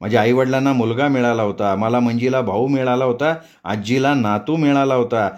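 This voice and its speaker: A man's voice: mid-range voice, moderate pace, a little mellow. Man reading a novel aloud. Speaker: audiobook narrator. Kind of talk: scripted novel narration.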